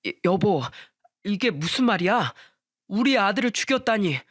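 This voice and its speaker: A woman's voice: medium pitch, expressive, moderate pace, dry recording, studio quality, natural voice. A woman voicing a startled young husband who stammers out questions.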